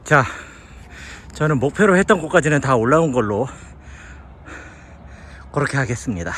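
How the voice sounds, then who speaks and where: Middle-aged Korean man, outdoor walking vlog, lively rising and falling speech. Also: medium pitch, moderate pace, slight background noise. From South Korea. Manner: chatty, musing aloud while hiking. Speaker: vlogger living in China. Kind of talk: casual walking commentary. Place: outdoors on a hillside park.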